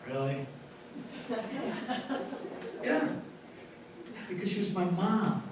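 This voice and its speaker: A man preaching a sermon as pastor, telling animated stories with sudden loud bursts, heard from far off in a church sanctuary. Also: fairly high pitch, heavy reverb, a little hiss or hum.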